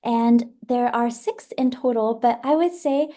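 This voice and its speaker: A middle-aged woman from the Washington D.C. area in the United States, a literacy specialist, answers interview questions graciously and articulately. Her voice is on the high side, a little slow, and dark in tone.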